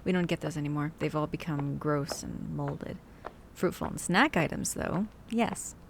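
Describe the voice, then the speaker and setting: Against a noisy background, a woman with a low, vocal-fried voice talks at normal speed, playing a chatty, guarded zombie-apocalypse survivor in an ASMR roleplay drama. Her hesitant, rambling asides to the listener feel chatty and musing.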